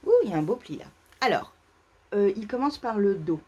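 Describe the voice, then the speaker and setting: Une femme qui anime un vlog de tricot sur un ton décontracté, en hésitant beaucoup, avec de nombreux « euh ». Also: female voice, medium pitch, lively intonation, brisk, dark tone, breathy edge, highs cut off. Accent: French. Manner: hesitant, many fillers and restarts. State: feeling too warm. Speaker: knitting podcast host. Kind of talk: casual knitting vlog chat. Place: parents' home, indoors.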